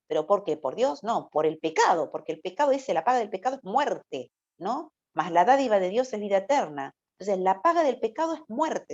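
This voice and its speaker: A woman's voice: mid-range voice, darkish tone. Woman preaching with a River Plate accent. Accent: Rioplatense Spanish. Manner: conversational, often asks "¿no?". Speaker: youth preacher. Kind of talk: sermon. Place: church. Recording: dull lo-fi recording.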